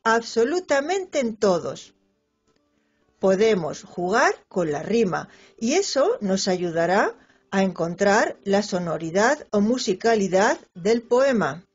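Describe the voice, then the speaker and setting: A woman with a Spanish accent teaching a poetry lesson to children, drawing out the example words in a slow, lilting voice. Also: medium pitch, very animated, breathy edge. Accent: Spanish from Spain. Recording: dull lo-fi sound with faint music.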